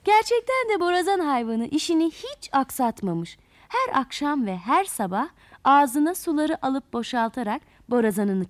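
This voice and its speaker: A woman narrating a children's fairy tale in an expressive, sing-song way. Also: high voice, dry recording. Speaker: storyteller.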